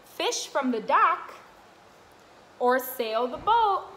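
This toddler classroom helper, a young adult woman, has a high, fairly bright, sing-song voice and speaks very slowly. She sits on the floor indoors reading to small children and asking them simple questions, captured with roomy echo and faint room noise.

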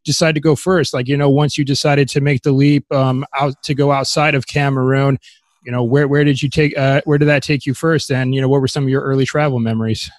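A man's voice: mid-range voice, level tone, fairly quick, no echo, studio quality. A man hosting a podcast, asking long winding questions full of fillers. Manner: long winding questions padded with "you know" and "uh". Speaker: podcast host. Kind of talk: interview questions.

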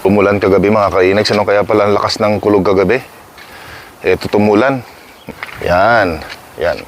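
Man from the Philippines, deep voice, rambling self-mocking vlogger, clip-on mic outdoors with faint ambient hiss. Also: steady tone, moderate pace. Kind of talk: casual chatty vlog addressing viewers. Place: outdoor backyard. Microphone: clip-on microphone.

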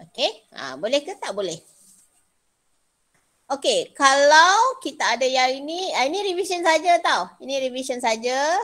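High-pitched Malaysian Malay woman teaching. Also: big pitch swings, moderate pace, a bit bright. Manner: chatty, mixes in English terms, repeats points for emphasis. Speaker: chemistry teacher. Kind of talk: informal online lesson. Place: indoors, on a video call.

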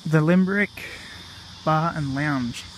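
A man's voice: fairly high pitch, slow. A man with an Australian accent hosting a casual vlog, talking chattily with fillers as he walks outdoors on an old railway platform. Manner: chatty, relaxed, with fillers and "righto". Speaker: vlog host. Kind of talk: casual walking vlog narration. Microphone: handheld camera mic while walking. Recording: outdoor camera audio with clear insect noise.

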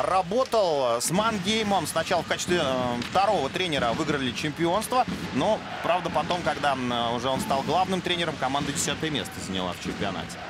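A man's voice: on the high side, very noisy. A man giving live play-by-play commentary on a televised hockey game.

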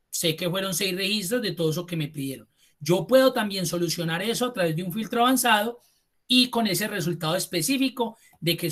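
A man's voice: high-pitched, a bit bright. A man who teaches a live class, talking students through each step with patience. He thinks aloud, restarts some phrases and stretches some words as he works. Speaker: Excel instructor. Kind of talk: live online class walkthrough.

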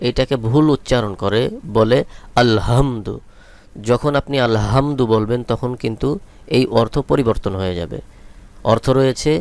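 A man's voice: medium pitch, a little mellow, smooth, dry recording. A man teaching Quran reading, spelling out letters and vowel marks one at a time and then drawing out each chanted word. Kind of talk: slow spelling-out lesson with translation.

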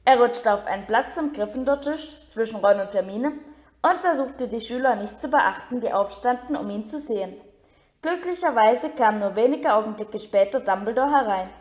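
A woman reading a novel aloud as a hobby audiobook, in a steady storytelling manner. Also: fairly high pitch. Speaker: audiobook reader.

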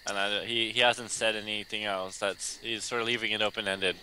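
A man's voice: lowish voice, level tone, fairly quick, pushed and bright, rough recording. A man making crude, teasing banter in casual chat while playing an online game with friends. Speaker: gamer in a let's play group. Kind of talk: casual chat during gameplay. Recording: faint noise, insects and game ambience.

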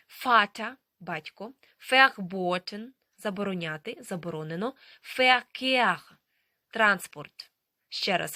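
A woman teaching a language lesson, slowly and carefully modelling pronunciation and drilling words. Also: mid-range voice, a bit bright, no echo, studio quality.

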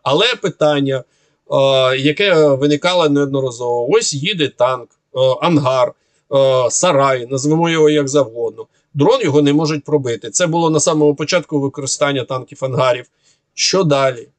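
A man's voice: medium pitch, a little fast, no room sound. A man analysing the war and answering viewers' questions in an unscripted monologue, sarcastic and argumentative, with many hesitations and filler sounds.

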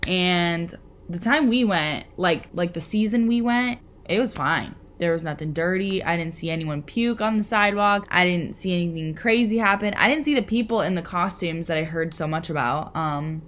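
A woman's voice: lowish voice, moderate pace, a bit bright. A young woman in casual vlog chat, talking from her bed with lots of likes and ums into a close camera. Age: young adult. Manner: chatty, lots of fillers. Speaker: vlogger. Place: bedroom.

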